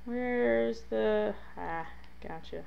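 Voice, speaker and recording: A woman commentating her own gameplay, venting and scolding the game, drifting between muttering and yelling. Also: on the high side, very slow, gravelly, lo-fi sound. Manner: exasperated, talks to the game, swings from muttering to yelling. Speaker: gaming video host. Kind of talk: let's play commentary.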